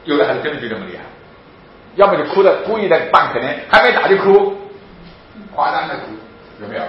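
A man giving a lively sermon-style talk on parenting, laughing often and acting out children as he goes. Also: fairly high pitch, quick pace. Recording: very echoey, dull lo-fi with faint noise.

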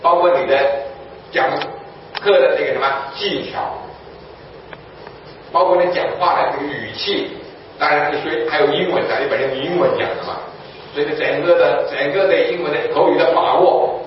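High-voiced man preaching in an echoey hall. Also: normal speed, a little hiss or hum. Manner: asks rhetorical questions and answers them. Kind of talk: sermon teaching. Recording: echoey room from far off, dull lo-fi.

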